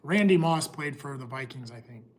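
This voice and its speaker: A middle-aged man talking casually to his livestream viewers, pausing and restarting often. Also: mid-range voice, expressive. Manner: halting, restarts often, talks to chat. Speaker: livestream host.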